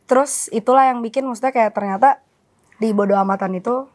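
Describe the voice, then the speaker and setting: A young woman, chatting casually as a guest and telling stories with lively acted-out quotes. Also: fairly high pitch, brisk. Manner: animated storyteller, acts out quotes. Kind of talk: casual chat.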